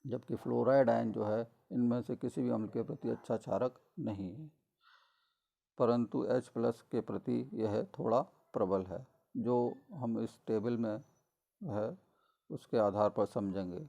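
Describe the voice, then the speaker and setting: A man's voice: mid-range voice, steady tone, unhurried, creaky, warm tone. A middle-aged man giving a recorded chemistry lecture, explaining step by step with frequent fillers and self-corrections.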